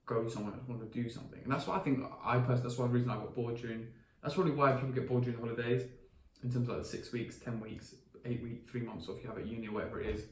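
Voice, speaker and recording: Recorded from a distance in an echoey room with faint ambience and slight background noise, this twenty-year-old podcast co-host talks at a racing pace. His voice is medium-pitched and steady, and his casual chatter rambles, full of fillers and restarts.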